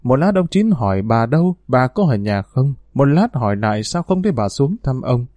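A timid, deferential servant woman in a spoken story, as a man acts her out. She pleads politely and anxiously. The voice is mellow and recorded dry. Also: medium pitch, sing-song, normal speed, no echo, dull audio, lightly acted. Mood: pleading. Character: timid, pleading middle-aged female servant.

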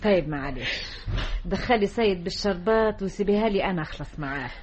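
A woman's voice: mid-range voice, lively intonation, fast, muffled recording, a little hiss or hum, natural voice. An actress playing a kind but firm wealthy village lady with an Egyptian accent in a radio drama. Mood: firm kindly. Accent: Egyptian Arabic.

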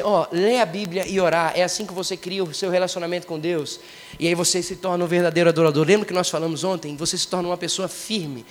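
A young man preaching to a youth congress, slangy and excitable, acting out prayers in street talk. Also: sits high. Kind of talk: energetic youth sermon. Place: large congress hall. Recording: reverberant hall sound.

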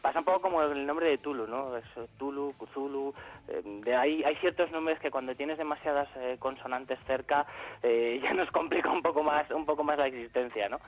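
A man's voice: a little high, a little fast, dull audio, soft background music. A man from Spain, a regular contributor, explaining role-playing games on a radio show in a hesitant way, full of fillers and restarts. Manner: hesitant, many fillers and repeated words. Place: Salamanca, away from the studio.

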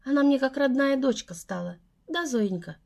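A woman plays a fussing older mother whose voice sits a little higher. She speaks tenderly and tearfully, in an audiobook reading. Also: animated, moderate pace, creaky, a little mellow.

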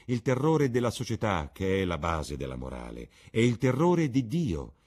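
A languid aristocratic gentleman holds forth with ironic wit, as a male reader plays him. The voice is deep and husky, swinging freely in pitch as he lectures. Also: very animated, moderate pace. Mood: lecturing. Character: witty aristocratic older gentleman, cynical, languid.

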